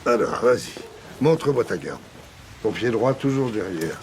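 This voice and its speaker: An actor playing a gruff older retiree who coaches a young man in boxing, blunt and commanding. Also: lowish voice, sing-song, normal speed, slight background noise. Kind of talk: film dialogue.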